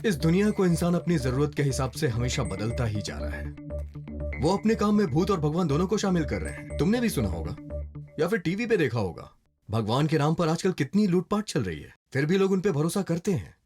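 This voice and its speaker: A man's voice: a little high, very animated, a little fast. An actor dubbing a confident male police investigator who lectures patiently and slips English phrases into his speech. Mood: firm, persuasive. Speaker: police officer. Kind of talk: dubbed film dialogue. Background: film score music.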